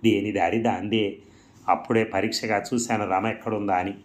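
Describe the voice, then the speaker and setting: A man reading a story aloud in a measured, reflective way. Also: lowish voice, fairly even intonation. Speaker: narrator. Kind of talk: storybook narration.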